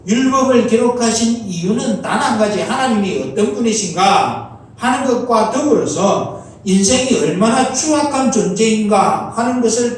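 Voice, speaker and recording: Middle-aged male pastor, high animated preaching voice, earnest rhetorical questions, distant mic in a booming sanctuary. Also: slight background noise. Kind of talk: Sunday sermon. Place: church sanctuary. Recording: very echoey church hall, mic at a distance.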